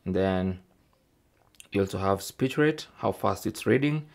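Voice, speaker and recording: Lively intonation and vocal fry mark this man's deep voice as he presents a tech tutorial at a measured pace. His step-by-step narration is methodical and informal, with frequent "okay" tags on his phrases.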